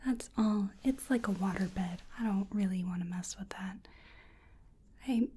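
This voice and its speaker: A woman playing a hesitant, curious creature researcher in a soft-spoken, whispered ASMR exam roleplay, musing gently and apologetically. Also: mid-range voice, husky. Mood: hesitant, apologetic.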